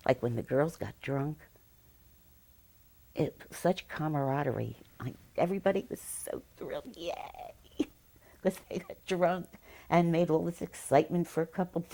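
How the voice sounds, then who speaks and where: A woman's voice: low-pitched, vocal fry, dark tone. An older woman from Philadelphia, recalling childhood mischief in an interview with gleeful laughter. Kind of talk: reminiscing interview.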